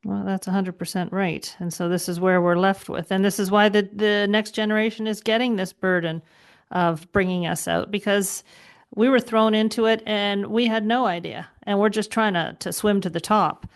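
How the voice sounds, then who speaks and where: A woman's voice: mid-range voice, steady tone, moderate pace. A woman hosting an interview podcast, affirming her guest and asking open questions. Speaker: podcast host. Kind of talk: conversational interview.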